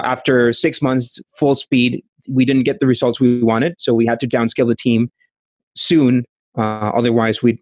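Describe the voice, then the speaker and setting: A man in his thirties from Costa Rica with a Costa Rican accent, answering interview questions over a video call, speaking haltingly with many restarts. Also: medium pitch, a little mellow, no echo. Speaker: startup founder. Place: small room at home, indoors. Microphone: studio mic with headphones.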